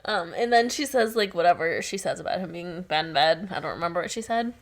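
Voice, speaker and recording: A woman's voice: lowish voice, animated, fast talker. A woman co-hosting a podcast, rambling and giggling through a casual chat about a TV episode. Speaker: podcast co-host.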